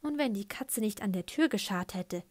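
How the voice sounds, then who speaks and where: Lady reading a quiet soft girl, hushed, dry sound. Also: mid-range voice, lively intonation, normal speed, no room sound, close to an everyday voice. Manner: soft-spoken.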